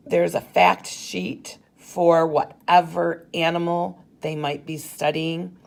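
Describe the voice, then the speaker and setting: A middle-aged woman teacher giving a slow, careful briefing to parent volunteers, pausing often as she explains. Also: fairly low pitch, level tone, creaky, a little mellow. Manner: slow, careful and instructive, with frequent pauses.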